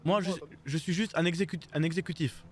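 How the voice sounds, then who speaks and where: A man's voice: fairly high pitch, steady tone, a little fast, slight background noise. A man streaming a GTA roleplay, talking in a brash, teasing way and often repeating himself. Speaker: streamer playing a gang character.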